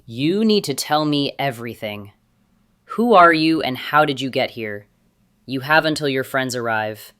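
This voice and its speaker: An actor playing a demanding, bewildered young friend in a film drama. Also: male voice, medium pitch, lively intonation, measured pace, pushed and bright, no echo, studio quality.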